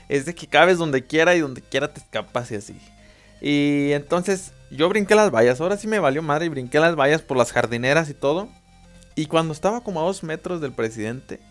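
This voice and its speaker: A young man with a Mexican accent casually telling a personal story, slangy and animated. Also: a little high. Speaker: vlogger.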